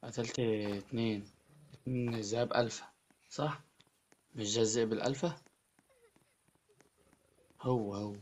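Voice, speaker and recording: An excitable man with an Egyptian Arabic accent talks his way through a video game, doubling up words as he reacts. His voice sits fairly low, with a faint hiss of noise underneath. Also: moderate pace, long pauses. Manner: excitable, repeats words and phrases. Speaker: gaming YouTuber. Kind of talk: Let's Play commentary.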